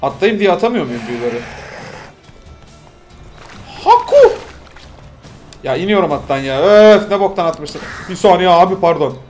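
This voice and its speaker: Excitable young male streamer with bursts of yelling and a somewhat high voice. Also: fast talker, few pauses, faint music behind. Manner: loud excitable outbursts, shrieking yells. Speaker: gaming streamer. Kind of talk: casual let's-play commentary.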